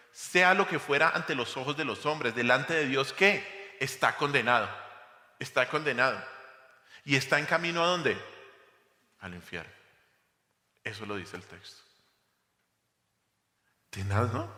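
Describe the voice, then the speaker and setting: A man's voice: mid-range voice, pushed and bright. Emphatic preaching man in an echoey hall. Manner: emphatic preaching with rhetorical questions to the congregation. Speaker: pastor. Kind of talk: expository sermon. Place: church hall.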